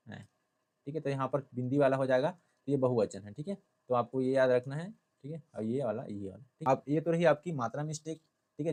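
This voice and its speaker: A man's voice: fairly high pitch, a little mellow. A man teaching a Hindi spelling lesson, explaining step by step and checking in often with his students. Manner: explanatory, repeats "theek hai" often. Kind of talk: classroom-style lesson.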